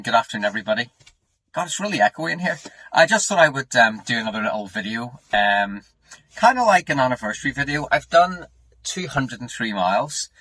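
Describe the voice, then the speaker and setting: A British man in his forties talks casually to camera in a slightly low voice with a husky edge. He rambles and grumbles mildly, like an ordinary owner sharing his experience. The sound is fairly dry and close. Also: bright, forceful tone, dry recording, poor audio. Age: 40s. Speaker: car owner making a review video. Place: echoey indoor space.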